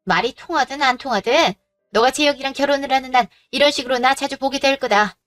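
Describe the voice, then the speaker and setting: A woman's voice: high-pitched, quick pace, fairly bright tone, soft background music, voice pushed up. A woman voicing a pushy, greedy middle-aged mother-in-law who scolds and makes demands, in a storybook drama reading. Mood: scolding.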